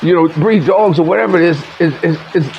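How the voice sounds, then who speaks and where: A man with a gravelly, slightly high voice talks to camera in a loose, rambling vlog. He circles back with fillers and restarts and laughs at his own tales. A faint hiss of background noise sits under him. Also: fairly quick, dull audio. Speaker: vlogger. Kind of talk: casual storytelling monologue. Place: living in the Philippines.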